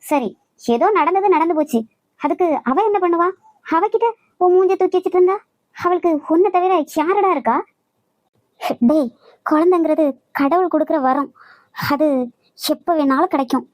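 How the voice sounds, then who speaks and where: A woman voicing a kind middle-aged mother-in-law who reassures her daughter-in-law and gently scolds her son in a cartoon. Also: high-pitched, moderate pace, pauses often, dry recording, close to an everyday voice. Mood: chiding.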